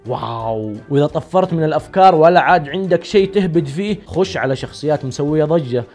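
Young male comic, quick sarcastic patter, slightly high voice, faint music under. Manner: mock-advice, teasing, rapid and animated. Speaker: comedy YouTuber. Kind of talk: sarcastic comedic monologue.

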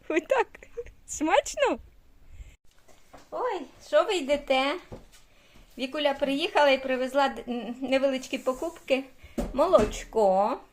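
A woman's voice: high voice, lively intonation, slow pace, long pauses, a little hiss or hum. A woman in her sixties from Ukraine, a grandmother vlogging at home with her family and coaxing a toddler in sing-song baby talk. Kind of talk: casual home vlog.

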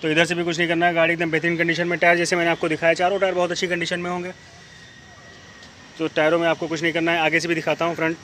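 A man runs a brisk sales pitch on an outdoor car lot, his voice bright and fairly high. He speaks in a flat, repetitive patter into a handheld phone, with faint street noise behind him. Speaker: used car dealer. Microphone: handheld phone camera.

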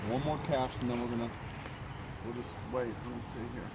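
A man's voice: mid-range voice, fairly even intonation. A middle-aged man, chatting and coaching casually while fishing outdoors, filmed on a handheld phone. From Texas. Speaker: fishing vlogger. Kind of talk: casual outdoor vlog narration. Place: outdoors by a rocky creek. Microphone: handheld phone camera. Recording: phone audio with loud creek noise. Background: rushing creek water.

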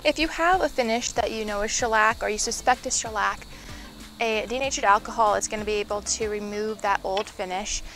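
A woman's voice: mid-range voice, fairly quick, a bit bright, rough recording. A woman vlogging her furniture flip, chatting casually through each step with some ums and asides. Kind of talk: casual how-to explanation. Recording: background music. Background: background music.

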